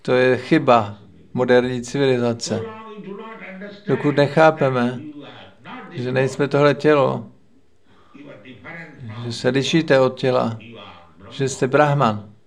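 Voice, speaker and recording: A man giving a religious lecture in a measured, preaching manner, repeating phrases in lists. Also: mid-range voice, fairly even intonation. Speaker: spiritual lecturer.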